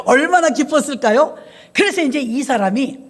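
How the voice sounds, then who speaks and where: A woman's voice: high voice, a little slow. A middle-aged Korean-church woman pastor delivers a sermon as a string of anecdotes. She narrates in a conversational way and slips into the voices of the people she quotes. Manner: animated storyteller acting out voices. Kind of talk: sermon with storytelling.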